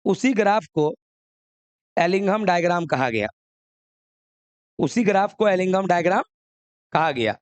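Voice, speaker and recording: Male chemistry teacher, high voice, dry close sound, classroom lesson. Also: expressive, unhurried, long pauses, clean tone, no room sound. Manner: coaxing, scolding, mixes Hindi with English.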